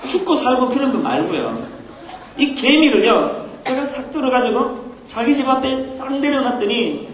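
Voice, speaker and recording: High-voiced playful male pastor. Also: very animated, moderate pace. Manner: playful, teasing, talks with the audience. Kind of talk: comic youth sermon storytelling. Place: large hall at a youth retreat. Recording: echoey hall with crowd noise, old recording. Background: audience laughter.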